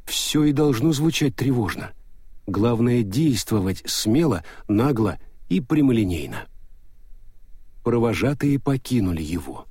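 A man narrating an audiobook in an even storytelling manner. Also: medium pitch, measured pace, husky, no room sound, studio quality. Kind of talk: scripted narration.

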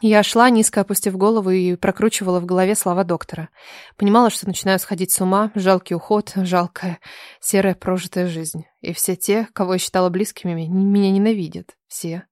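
A woman reading a first-person story as an audiobook, mostly in a subdued, soft voice. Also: mid-range voice, steady tone, a little fast, no room sound, studio quality. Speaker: audiobook narrator.

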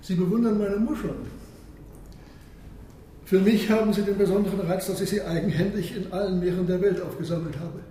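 An actor playing a proud, world-weary submarine captain in a radio play, speaking formally and with grand declamation. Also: male voice, high voice, steady tone, a little fast, mellow, lightly acted. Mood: proud, courteous. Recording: echoey room, background noise.

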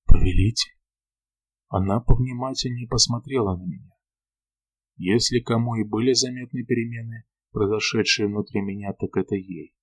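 A man narrating a dark fantasy audiobook in the first person, calm and measured with dramatic pauses. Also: mid-range voice.

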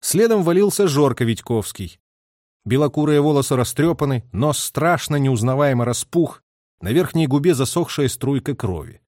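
A man's voice: medium pitch, animated, moderate pace, darkish tone, no echo, studio quality. Man reading a war story expressively. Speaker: audiobook narrator. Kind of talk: scripted dramatic narration.

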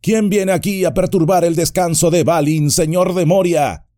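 A man's voice: medium pitch, expressive, warm tone, dry recording, studio quality, natural voice. A man voicing a grave old wizard. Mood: urgent. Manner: solemn, measured speech that turns urgent.

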